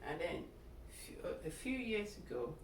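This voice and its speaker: A middle-aged man with a Nigerian accent giving a prepared self-introduction speech as a student, earnest and deliberate, speaking in short phrases. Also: sits high, sing-song. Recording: echoey room, distant mic, background noise.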